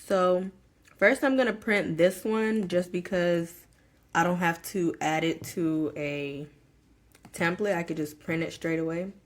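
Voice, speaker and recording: Young woman, home tutorial vlogger, chatty and casual, slightly low-pitched, lots of um and y'all. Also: unhurried. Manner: chatty, filler-heavy, addresses viewers as y'all and you guys. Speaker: small business owner. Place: home room.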